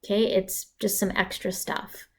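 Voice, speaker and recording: In a recorded slide lecture on punctuation, a woman writing instructor speaks with a medium pitch, a level tone, and a bit of brightness. Her style is conversational, with casual asides and dramatic pauses to stress points.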